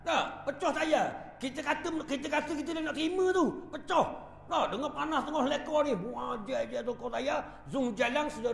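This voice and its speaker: Man, Terengganu Malay accent, animated preaching, humorous asides, long hall reverb. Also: very high voice, creaky. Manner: humorous storytelling with chuckles and call-outs. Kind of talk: evening mosque lecture. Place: prayer hall. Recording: echoey hall.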